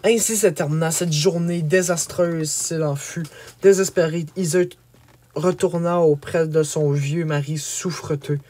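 A man reading a chapter of a medieval romance aloud as an audiobook, with expressive storytelling. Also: fairly high pitch, a little slow. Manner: expressive, rising on action. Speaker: audiobook reader. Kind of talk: dramatic storybook narration.

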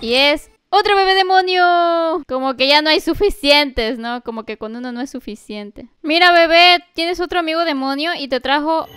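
A woman's voice: sits high, moderate pace, few pauses, fairly bright tone, no echo. A woman playing a horror game and chatting animatedly to its characters and her viewers, breaking into shrieks. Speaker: gaming YouTuber. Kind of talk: playful horror game commentary. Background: game music.

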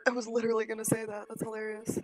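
A woman's voice: a little high, monotone, very fast, faint music behind, rough recording. A woman chatting casually during a game stream, amused and candid, swearing playfully. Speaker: friend in a gaming stream. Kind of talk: casual gaming chat.

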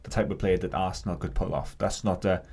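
A man co-hosting a football podcast, relaxed and measured with lots of ums. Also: low voice. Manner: relaxed, measured, filler-heavy. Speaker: podcast co-host. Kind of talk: casual football chat.

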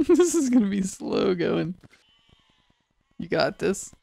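A young man co-hosting a casual let's-play, joking around and getting excited, with bursts of laughter and yelling. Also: high-pitched, slow, gravelly. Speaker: co-host, video game player.

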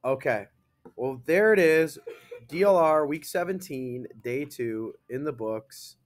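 A male teacher leading a classroom grammar lesson, reading sample sentences aloud slowly and checking in with his students. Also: fairly high pitch, lively intonation.

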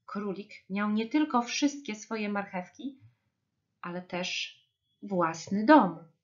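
A woman reading a children's story aloud, slow and expressive. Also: mid-range voice, highs cut off.

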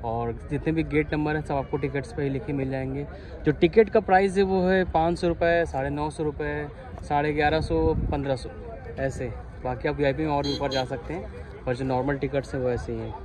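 A young man with a Lucknow Hindi accent, talking excitedly to viewers as he walks around with a handheld camera. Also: fairly high pitch, brisk, low-quality recording. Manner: excited, chatty, calls viewers bhai. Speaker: vlogger. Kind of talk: walking vlog, handheld. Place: outdoors by a stadium and in a crowded ticket hall. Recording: handheld camera amid loud crowd. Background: crowd and traffic noise.

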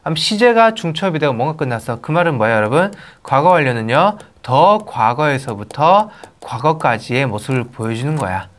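A man's voice: medium pitch, lively intonation, a bit bright. Korean man teaching English grammar. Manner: rhetorical questions to students, bursts of emphasis; slow, careful reading of English example sentences. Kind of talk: online grammar lecture.

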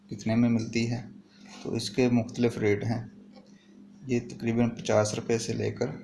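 Like a tutorial host, a man walks through a hands-on repair step by step at an indoor workbench, explaining in a plain, improvised way. His voice is on the low side and gravelly. The home-made recording is noisy and has clicks.

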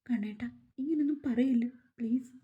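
A woman's voice: medium pitch, lively intonation, fast talker, phone-quality sound, natural voice. A woman voicing a timid young wife who speaks hesitantly and stammers. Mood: frightened.

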